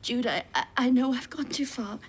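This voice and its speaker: A woman's voice: fairly high pitch, normal speed, breathy edge. An actress playing an anxious, meddling middle-aged grandmother, stammering and flustered, in a TV soap. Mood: anxious, pleading. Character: anxious meddling grandmother pleading with her adult son. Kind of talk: naturalistic TV soap acting.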